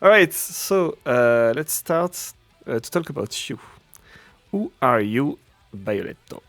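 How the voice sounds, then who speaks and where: A man's voice: mid-range voice, sing-song, slow pace, a bit bright, dry recording, faint music behind. A man hosting a casual podcast chat who jokes around, laughs often and restarts his sentences. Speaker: podcast host.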